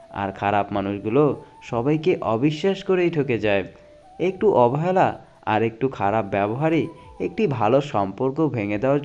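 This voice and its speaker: A man reading motivational quotes as scripted narration, his pitch rising and falling at each phrase. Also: darkish tone. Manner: sing-song recitation, rising then falling at each phrase. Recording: dull lo-fi audio.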